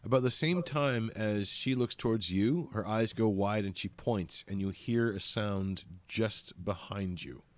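A man with a very deep, low voice runs a tabletop game as its narrator. He describes each scene in a halting way, stopping often on "uh" and "um" while he searches for the next detail. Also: slight background noise. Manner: hesitant, many ums and uhs while describing scenes. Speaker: game master.

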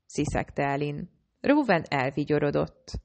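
Lower-pitched woman reading an audiobook. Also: lively intonation, creaky, a little mellow. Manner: reads all characters in a lightly varied own voice. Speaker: audiobook narrator. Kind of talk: audiobook narration.

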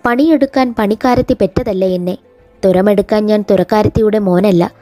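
A woman's voice: mid-range voice, normal speed, warm tone, no room sound, soft background music, lightly acted. A woman reading the lines of an angry father who scolds his son, in a harsh tone. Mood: angry scolding.

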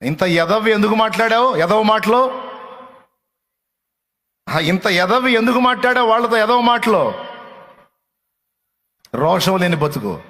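A man with a high voice preaches a fiery, scolding sermon and hammers home his points by repeating phrases again and again. His voice rings with a long reverb, as if he is in a church hall. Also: animated, unhurried, long pauses, a bit bright. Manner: admits he is speaking harshly.

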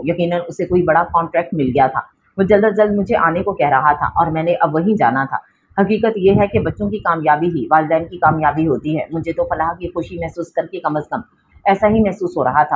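Narrator reading a novel aloud, every character's lines in one voice, slightly dull sound, faint hum behind. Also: mid-range voice. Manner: reads all family members' dialogue in one voice. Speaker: audiobook narrator.

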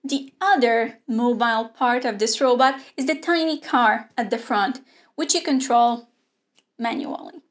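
Slow-talking young woman teaching robotics. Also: on the high side. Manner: clear, measured explaining with hand gestures. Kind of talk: scripted online lesson. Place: indoor studio with a grey backdrop.

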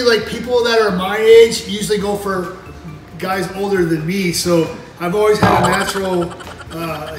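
Man in his 40s, high-pitched, joking and animated, echoey room, distant camera mic. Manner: jokey, playful, expressive hand gestures. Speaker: vlogger answering fan questions. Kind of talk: casual Q&A chat. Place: small indoor room at a table.

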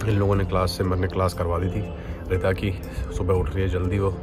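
Man, thirties, joking family vlogger, mid-pitched voice, music behind. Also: completely flat delivery, brisk. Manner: cheerful, joking, mixing Hindi and English. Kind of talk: casual family vlog chat.

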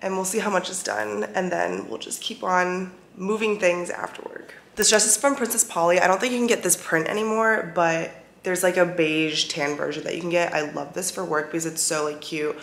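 A chatty young woman vlogs to camera, gushing and peppering her talk with fillers. Her voice sits a little low, and it rings with the roomy echo of a half-empty apartment. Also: steady tone, fairly quick, gravelly, few pauses, fairly bright tone, slight background noise. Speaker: lifestyle vlogger. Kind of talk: casual vlog talk to camera. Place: apartment rooms.

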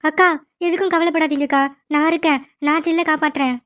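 A woman doing a reassuring young woman from a cartoon. She talks fast and soothingly in a very high voice. The sound is close and dry. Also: fairly even intonation, fairly bright tone, no echo. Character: calm reassuring young woman, caring sister-in-law. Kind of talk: cartoon voice acting.

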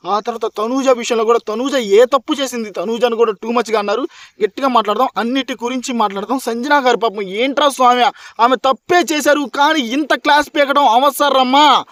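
Male reviewer, rapid insistent delivery, lots of rhetorical questions. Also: very high-pitched, fairly bright tone, no echo, studio quality. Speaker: reality show reviewer. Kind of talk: heated opinion commentary.

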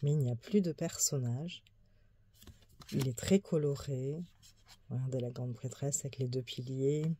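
A woman's voice: rumbling low, unhurried, long pauses, mellow, a little hiss or hum. A woman tarot YouTuber chatting casually as she shows and reviews her card decks, easygoing and full of small asides. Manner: chatty, easygoing, many fillers and small laughs. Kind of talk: casual show-and-tell deck review.

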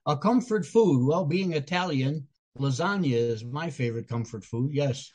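An older Chicago man, a guest speaker and comedian with a Chicago accent, answers interview questions earnestly and explanatorily, sometimes restarting phrases. His voice is a little high, a little mellow and husky, at normal speed.

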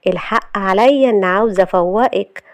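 A woman's voice: mid-range voice, normal speed, no echo, studio quality, natural voice. A woman doing a snide scheming young woman. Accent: Egyptian.

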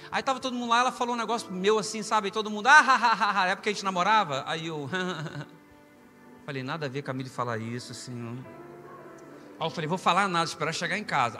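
A man preaching a humorous storytelling sermon as a pastor with a Brazilian Portuguese accent, in a church hall. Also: high-pitched. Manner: animated storyteller, rising to loud preaching. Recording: reverberant church hall with music.

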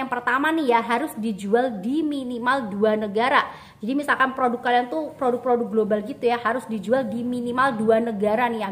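Chatty young woman explaining with gestures. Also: fairly high pitch. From Indonesia. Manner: chatty, animated hand gestures, asks and answers her own questions. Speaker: online-selling tutorial host. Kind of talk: casual explainer to camera. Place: indoor home studio with shelves and flowers.

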